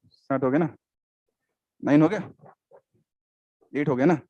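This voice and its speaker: A man's voice: a little high, slow pace, mellow, no echo, dull audio. An Indian man teaching biology in a live class, often quizzing students and repeating terms, switching into English.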